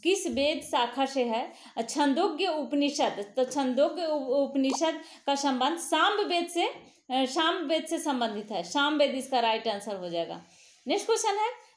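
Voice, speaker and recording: In an echoey room, a woman tutor with a high voice walks through an exam quiz, reading questions aloud and answering them. She hesitates with fillers and corrects herself, her voice lifting sharply on each new question.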